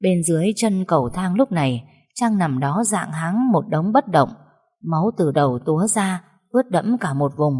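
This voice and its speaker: A woman narrating a dramatic story in a calm, measured, emotive way. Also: lowish voice, husky. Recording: long hall reverb.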